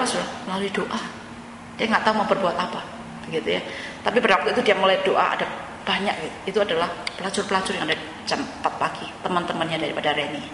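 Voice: medium pitch, pushed and bright, a little hiss or hum. A pastor preaching a sermon as a story, addressing the congregation over and over and dropping in English words. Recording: echoey church hall with long reverb.

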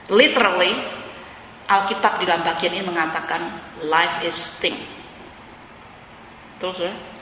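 A woman's voice: mid-range voice, sharp tone, slight background noise. A woman preaching a sermon, who keeps turning to the listeners as "saudara" and drops English phrases in between. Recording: echoey hall.

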